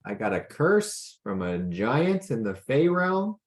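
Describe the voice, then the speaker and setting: A man's voice: mid-range voice, big pitch swings, slow. A man chatting and improvising as a player in a tabletop role-playing game. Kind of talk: casual improvised game chat.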